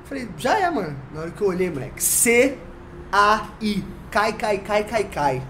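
A man with a Brazilian accent telling a story on a casual podcast, animated, full of slang and sound effects. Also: sits high, moderate pace, a little hiss or hum. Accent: Brazilian Portuguese.

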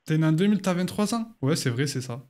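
A man in his twenties chats with strangers on his live stream. He teases them in a playful, mock-grumpy way, and his voice sits a little high for a man. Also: lively intonation, fast, a little mellow. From France. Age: 20s. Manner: teasing, mock-grumpy banter. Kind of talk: casual live-stream chat.

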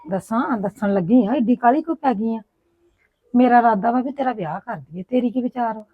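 A woman's voice: a little high, a little fast, no echo. A woman playing a mother who coaxes her daughter about marriage in a homemade family drama. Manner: coaxing, motherly questioning. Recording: tinny, phone-like and dry.

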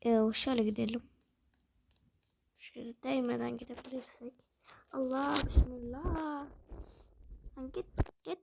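A young woman with a hoarse voice, commenting casually on her game play and complaining aloud to viewers whenever things go wrong. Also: a little high, fairly even intonation, a little slow, pauses often, warm tone, slight background noise, rough recording. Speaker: gameplay video maker.

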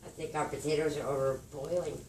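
A woman's voice: deep voice, flat delivery, fast talker, a little mellow, slightly rough. A woman chatting casually in a room at home, recorded on a phone video. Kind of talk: casual chat. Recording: echoey room, faint noise, phone video.

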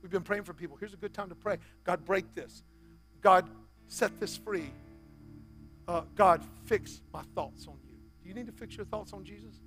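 A male pastor in his forties preaches on a church stage at a normal speed in a high voice, with soft music in the background. His tone ranges from loud exhortation to near-whispered appeals.

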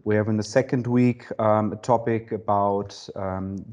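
A man speaking as a guest on a video call lays out a program in long lists, with enthusiasm and "uh" hesitations. His voice sits fairly low. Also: fairly even intonation, unhurried, darkish tone, highs cut off. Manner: enthusiastic, listing items with "uh" hesitations. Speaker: guest, co-founder and CEO.

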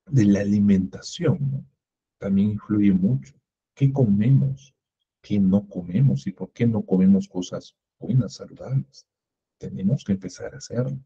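A man's voice: lowish voice, mellow, husky. A man teaching an entrepreneurship workshop, asking rhetorical questions and acting out little everyday dialogues. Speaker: workshop instructor. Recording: muffled lo-fi recording.

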